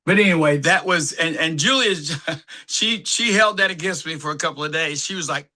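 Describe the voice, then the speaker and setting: A man, an actor guest, telling lively anecdotes and acting out what others said, laughing often. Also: on the high side, normal speed. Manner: animated anecdotes, acts out quotes, laughs often. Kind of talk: casual storytelling.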